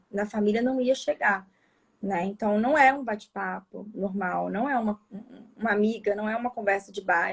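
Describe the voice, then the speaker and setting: A woman's voice: on the high side, breathy edge. A woman psychologist with a Brazilian Portuguese accent, talking in a casual conversation, hesitant, with frequent restarts.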